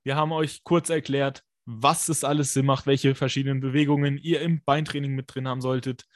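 A man with a scratchy smoker's rasp, co-hosting a podcast and giving blunt, colloquial, emphatic coaching advice in a casual chat. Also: medium pitch, level tone, a little fast, dry recording, clean studio sound. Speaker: podcast co-host and fitness coach.

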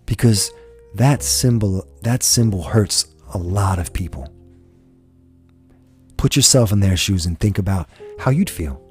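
Husky, heated man ranting. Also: low voice, animated, a little slow, a little mellow, faint music behind. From United States. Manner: impassioned, profane and heated. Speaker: podcast host. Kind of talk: angry political rant.

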